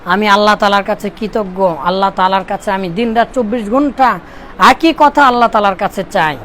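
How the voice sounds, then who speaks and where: A man's voice: sits high, fairly quick, a bit bright, slight background noise. A man from Bangladesh teaching Arabic grammar to a classroom of pupils, drilling and repeating phrases for them to echo.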